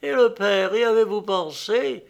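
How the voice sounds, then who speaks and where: A man's voice: very high-pitched, animated, slow pace, creaky, a bit bright, muffled recording, pitched above the performer's own voice, full character voice. A man reading an audiobook aloud, voicing a timid young woman who speaks faintly and hesitantly. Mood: shy.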